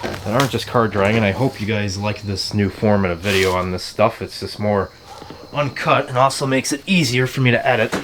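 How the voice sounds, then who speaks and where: Tired, low-voiced man in his garage. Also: brisk, background noise. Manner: tired, offhand, dry joking. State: tired and congested from allergies. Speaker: channel host. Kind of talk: casual garage vlog. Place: home garage.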